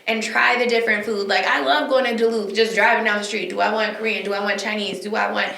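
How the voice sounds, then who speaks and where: A woman co-hosts a casual talk, firing off rhetorical questions as she argues her view. Her voice is bright and forceful. The room gives it a noticeable echo. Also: medium pitch, fairly even intonation, quick pace, gravelly, a little hiss or hum. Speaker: podcast co-host. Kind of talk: casual discussion. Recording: echoey room.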